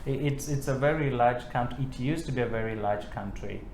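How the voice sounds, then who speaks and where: A young man from South Sudan, a podcast guest talking in a measured, unhurried way with frequent pauses. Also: medium pitch, a little mellow, slight background noise. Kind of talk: casual interview conversation. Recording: echoey room.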